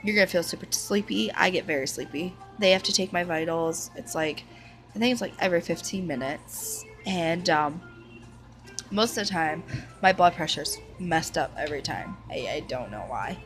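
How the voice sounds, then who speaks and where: A woman's voice: fairly low pitch, animated, moderate pace, faint music behind, poor audio. A young woman in her twenties talking candidly and casually about her life, rambling with fillers and restarts. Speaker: vlogger sharing her illness. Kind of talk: casual personal talk to camera.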